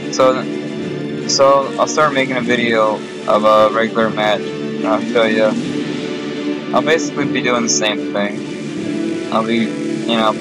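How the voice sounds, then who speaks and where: A man with a nasal, stuffed-up voice talks through a strategy game in a loose, halting way, dropping frequent ums and uhs. His voice sits at a middling pitch. Game music plays clearly behind him. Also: poor audio. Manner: hesitant, many filler pauses. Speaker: gaming video creator. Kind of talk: casual gameplay commentary.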